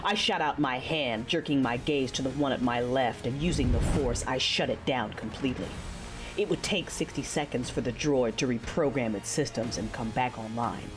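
A woman with a very deep voice performs the narrator and lead character of an audio drama: a commanding, passionate dark Sith lady wounded by betrayal. She speaks in first person, intense and deliberate, in a tense mood, and music runs beneath her.

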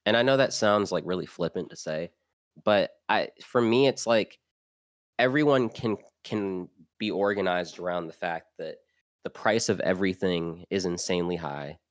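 A man with a very low voice co-hosting a casual podcast chat. He speaks in a laid-back, blunt way, recorded close and dry. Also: normal speed, no room sound. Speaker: podcast co-host.

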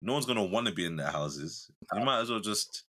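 A man's voice: fairly low pitch, lively intonation, fairly quick, bright, forceful tone. A young man with a London accent, bantering on a casual podcast in a slangy, emphatic way. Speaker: podcast co-host.

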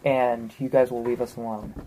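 Woman, tabletop player, very low voice, hesitant, faint hiss. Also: steady tone, normal speed. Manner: hesitant, many ums and restarts. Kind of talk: casual tabletop play.

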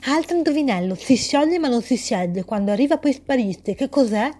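A woman's voice: sits high, lively intonation, brisk, dark tone. A woman reading aloud voices a mysterious, playful voice that gloats as it poses riddles in a storybook tale. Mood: teasing. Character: mysterious teasing riddle-telling voice.

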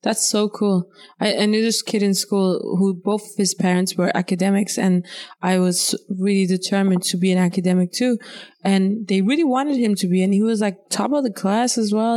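A woman's voice: mid-range voice, fairly even intonation, normal speed, a little mellow. Curious woman podcast host. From Denmark. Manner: curious, asks follow-up questions, laughs along. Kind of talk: casual interview chat. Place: indoor podcast studio.

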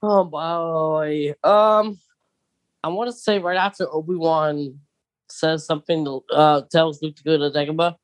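In a casual chat, a podcast co-host with a steady, medium-pitched voice leads the conversation and moves it along with questions. The pace is unhurried, but the speech is hesitant, full of "um" and self-restarts.

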